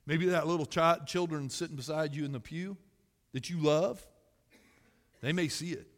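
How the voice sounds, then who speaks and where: A man preaching a sermon to his church, reading scripture loudly and then dropping to quiet, personal musing. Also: a little high, normal speed, big-room sound. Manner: animated, swings between loud scripture reading and quiet musing. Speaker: pastor. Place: church sanctuary.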